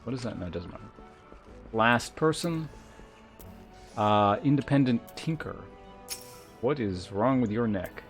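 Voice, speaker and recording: A game streamer gives casual, offhand playthrough commentary, often muttering to himself. His mid-range voice has lively intonation, a slightly slow pace and frequent pauses, with game music playing behind him.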